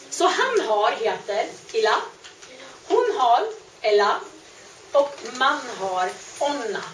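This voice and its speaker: A woman teaching French grammar, explaining patiently and repeating each word slowly. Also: sits high, a little hiss or hum. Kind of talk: grammar lesson. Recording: echoey room, mic at a distance.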